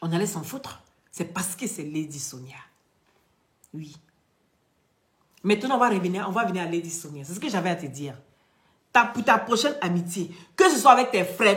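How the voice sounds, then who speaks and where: Her voice is medium-pitched, pushed and bright as this woman, an online vlogger and seller of beauty products, lectures emphatically in a live social media chat and product pitch. She speaks directly to her viewers from an echoey room. French is not her first language.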